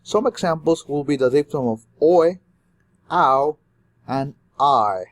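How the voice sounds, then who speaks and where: A man's voice: a little high, expressive, slow. A young man, a student, giving a spoken exam review of a phonetics course step by step and acting out short example phrases.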